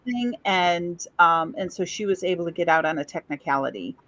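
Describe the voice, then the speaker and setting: A Chicago woman appears as a podcast guest, telling a family story in a casual, rambling way that trails off and loops back around. Her voice sits on the low side and comes out fairly quick with a slightly bright quality.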